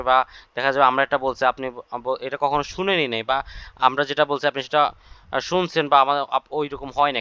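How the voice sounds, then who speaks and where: Bright, crisp man explaining a class. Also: mid-range voice, no room sound. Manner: reassuring, explaining at length with fillers. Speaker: instructor. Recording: dry, dull lo-fi sound.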